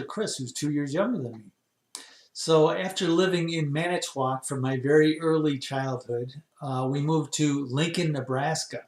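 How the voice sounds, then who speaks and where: A man's voice: mid-range voice, roomy sound. Man in his fifties telling his life story. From Wisconsin, USA. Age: 50s. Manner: unhurried, rambling, with many "uh" pauses. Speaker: vlogger. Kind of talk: casual personal storytelling.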